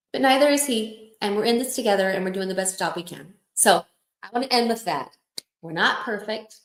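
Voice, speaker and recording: A woman hosting a support livestream, talking casually and affectionately, telling personal stories and encouraging her viewers. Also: mid-range voice. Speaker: host of a lupus support livestream. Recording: roomy echoey room.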